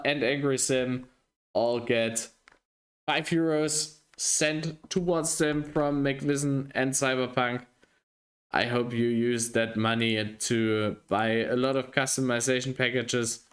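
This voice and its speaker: Slow-talking man hosting a race stream. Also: medium pitch. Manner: slow, relaxed, jokey, self-deprecating. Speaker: race commentator and stream host. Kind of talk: live race broadcast commentary.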